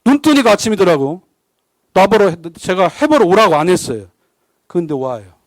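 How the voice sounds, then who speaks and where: A man's voice: high voice, moderate pace, no room sound. A man preaching a sermon as a guest pastor at a church service, joking and keeping the congregation involved with constant questions. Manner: lively, jokey, keeps asking the congregation questions.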